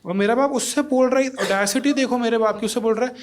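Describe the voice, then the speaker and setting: A man's voice: very high voice, fast talker, a little hiss or hum. A man in his thirties performing a stand-up comedy set in a comedy club, teasing the audience and judges and acting out quotes. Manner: acts out quotes in other voices.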